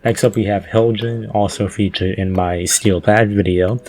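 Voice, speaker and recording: A man narrates gameplay in a relaxed, offhand voice-over, his voice sitting a little low. He drifts through fillers and the occasional swear as he goes. Quiet music runs faintly underneath. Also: normal speed. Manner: laid-back, loose, with frequent fillers and the odd swear. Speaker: gaming video creator. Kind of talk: casual voice-over walkthrough.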